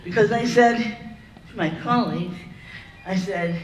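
An older woman, a plant scientist on a panel, telling a story in a lively, chatty way with "you know" and "right?". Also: medium pitch, measured pace. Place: conference room with audience. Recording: echoey room heard from a distance, faint noise.

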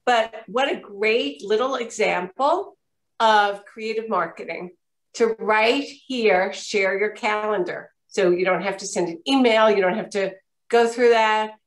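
A woman's voice: mid-range voice, unhurried, low-quality recording. A woman hosting a video-call webinar, closing it out with lavish, repeated thanks and praise for the presenters. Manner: effusive, repeats herself, warm praise. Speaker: event host thanking presenters. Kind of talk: casual webinar wrap-up.

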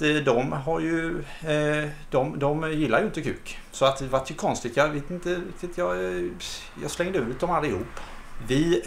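A man telling a crude, absurd comic monologue in a halting, deadpan way. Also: mid-range voice, vocal fry. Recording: roomy, echoey room.

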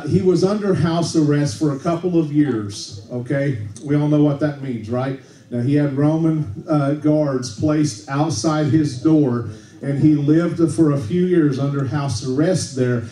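A male pastor preaching a relaxed, conversational sermon, often checking in with the congregation and restarting his sentences. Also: on the high side, unhurried. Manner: conversational, tag questions like okay, frequent restarts. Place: church sanctuary. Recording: echoey church room, mic at a distance.

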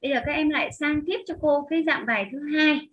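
A woman teacher with a Vietnamese accent walks her students through an English exercise step by step, talking straight to them. Her voice sits high. The recording sounds dull and lo-fi. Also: fast talker, slight background noise. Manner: explains step by step, addresses students directly. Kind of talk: recorded online lesson.

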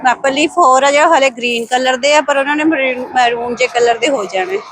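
Lady doing a walking vlog, really high voice, chatty and exclamatory, bit of outdoor noise. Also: a little fast, fairly bright tone. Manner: chatty, exclamatory running commentary. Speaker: vlogger. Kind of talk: casual walking vlog chat to viewers. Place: outdoors, walking along streets.

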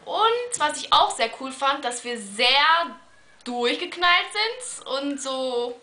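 A young woman of nineteen recalls shared-flat life in a relaxed, chatty way. Her voice sits a bit high and sounds bright. The small room around her rings with echo. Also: slow pace. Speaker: volunteer housemate. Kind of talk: casual interview answers. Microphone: camera in front.

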